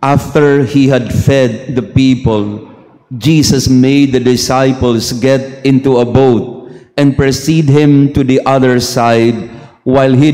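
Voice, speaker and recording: A priest reads the gospel and preaches at a slow, measured pace. His voice is dark and mellow. A long cathedral echo hangs after every phrase. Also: mid-range voice. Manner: slow measured reading, then easygoing mixing of English and Tagalog. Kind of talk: gospel reading and homily. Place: large church. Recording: long church reverb.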